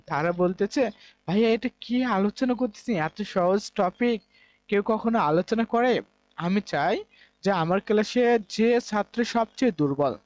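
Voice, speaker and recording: A man's voice: high-pitched, a little mellow, no room sound, highs cut off. Man teaching grammar step by step. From Bangladesh. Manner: explains step by step, repeating key points and mixing in English words. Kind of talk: classroom-style lesson.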